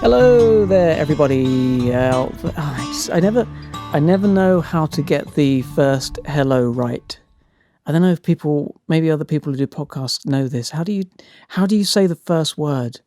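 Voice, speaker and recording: A man's voice: fairly high pitch, moderate pace, darkish tone, soft background music. A man hosting a solo podcast in a wry, self-deprecating manner, recorded indoors at home. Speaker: podcast host. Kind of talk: rambling, self-conscious solo podcast monologue and scripted essay reading. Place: indoors in a house.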